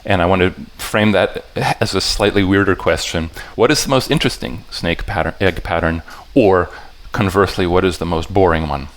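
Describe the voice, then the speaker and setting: Low-voiced man giving a halting puzzle talk. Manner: halting and self-correcting, stops to restart sentences; talks directly to the audience with checking questions. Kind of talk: explanatory presentation to a live audience.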